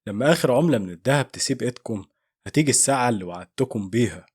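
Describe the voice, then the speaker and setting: A man doing a calm, smiling demon with an Egyptian accent. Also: mid-range voice, rapid-fire, slightly rough, no room sound, studio quality. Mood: menacing. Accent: Egyptian Arabic. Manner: soft, smiling menace.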